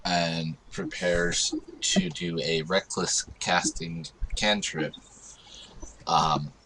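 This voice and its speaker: A man's voice: deep voice, drawn-out words, creaky, sharp tone, slight background noise, rough recording. A man playing in a tabletop game, describing his character's moves and making dry quips. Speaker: player. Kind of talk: casual tabletop play.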